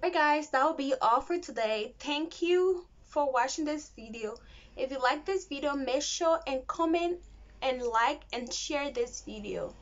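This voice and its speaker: A young woman speaks in a fairly high voice. She talks casually and straight to camera, like a host greeting regular viewers. The home recording is a little dull and lo-fi. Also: lively intonation, measured pace. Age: young adult. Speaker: vlogger hosting her channel. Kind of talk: casual direct-to-camera vlog talk.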